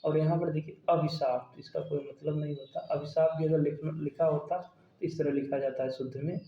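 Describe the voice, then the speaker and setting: A man's voice: a little high, little pitch movement, brisk. A man, teaching grammar for an exam-prep lesson, asking questions and then answering them step by step. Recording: dull, roomy sound.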